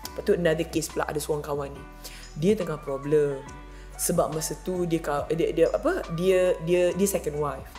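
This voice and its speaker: A married woman vlogging, telling a casual story with lively acted-out quotes and English words mixed in. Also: normal speed, faint music behind. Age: adult, married. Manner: animated, acts out quotes with big pitch jumps, mixes English in.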